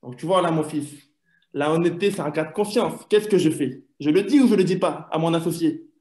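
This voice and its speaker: A man's voice: on the high side, fairly quick, a little mellow, natural voice. Young man doing a sly lecturing dad, echoey room. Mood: sly lecture. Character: scheming middle-aged male shopkeeper father.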